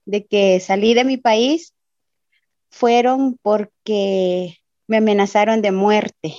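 Salvadoran woman telling her story slowly. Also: mid-range voice, darkish tone, no room sound, dull audio. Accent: Salvadoran Spanish. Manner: slow, hesitant, with many fillers. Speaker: interviewee, migrant. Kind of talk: personal testimony. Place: Ciudad Juárez.

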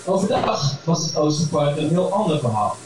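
A man tells a first-person story with frank, crude, wry humor, his voice sitting a little high. He is picked up from a distance in a very echoey room, with steady background noise behind him. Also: moderate pace.

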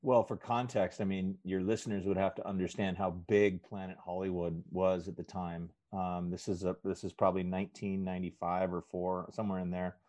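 A middle-aged man, a podcast guest, telling a story in a relaxed chat and acting out the voices he quotes. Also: deep voice, a little fast, few pauses, no room sound. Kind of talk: casual storytelling.

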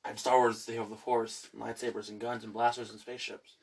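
A man's voice: mid-range voice, level tone, brisk, husky, far from the mic. Goofy young man chatting off-mic. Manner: goofy, jokey, breaks into silly voices and sound effects. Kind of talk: casual chat.

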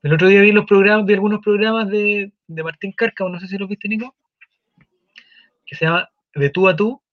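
Chilean male host, high bright voice, slang-heavy storytelling, dry dull studio sound. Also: fairly quick, dry recording. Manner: animated, swears casually, restarts a lot. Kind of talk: casual chat, storytelling.

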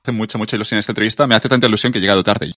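Castilian-male host, low-ish, rapid eager delivery, dry close mic. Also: steady tone, noisy background. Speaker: podcast host. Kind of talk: casual conversation.

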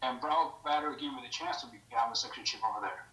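A middle-aged man from Mexico, a podcast guest telling his story in a relaxed way with loose grammar. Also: mid-range voice, racing, reverberant, rough recording. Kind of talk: casual podcast interview.

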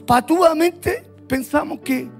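A man preaching a sermon as pastor, impassioned and repetitive, building up to shouts. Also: very high voice, slow, vocal fry, soft background music.

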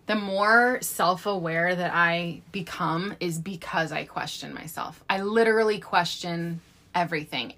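Frank low-voiced woman hosting a podcast. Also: sharp tone. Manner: frank, outspoken, questioning. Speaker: podcast host. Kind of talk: candid casual chat.

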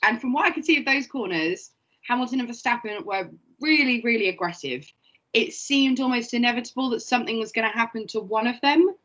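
Lively, bright woman, husky edge. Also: a little high, fairly quick. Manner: jokey, laughs often. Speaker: podcast co-host. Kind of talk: casual chat. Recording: dull lo-fi podcast audio.

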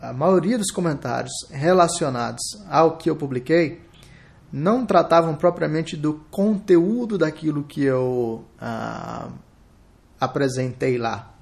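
A man with a Brazilian Portuguese accent hosting a live podcast, thinking aloud in a reflective, halting way. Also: on the high side, vocal fry, a little mellow. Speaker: podcast host.

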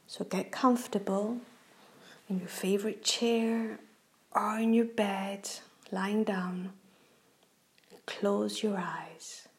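A woman hosting a children's relaxation show gently reads a guided meditation in a soft, breathy half-whisper. Her phrasing is slow and soothing, her voice mid-range and her tone steady.

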